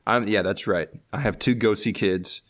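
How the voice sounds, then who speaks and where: Young man, low voice, jokey foul-mouthed player. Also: moderate pace, noisy background. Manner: swearing, jokey, laughs often. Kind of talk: playing a tabletop game, casual chat.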